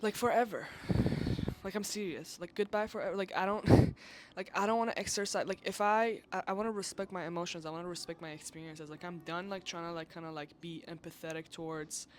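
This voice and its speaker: Give me a woman telling a story to her vlog in a loose, animated way, with faint background noise. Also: on the low side, a little fast. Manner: animated, heavy use of "like", swears when exasperated. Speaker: vlogger. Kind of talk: casual storytelling rant.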